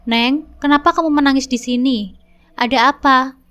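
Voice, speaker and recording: Woman reading as wealthy old landlord, sixty, proud, soft-spoken, clear, storybook. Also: high voice, normal speed, faint music behind. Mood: coaxing.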